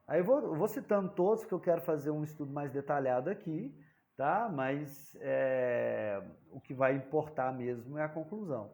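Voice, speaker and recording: A man's voice: fairly high pitch, normal speed, darkish tone. A man giving an informal lecture, talking conversationally, dropping frequent tag questions and acting out the dialogues of jokes. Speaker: psychoanalysis lecturer.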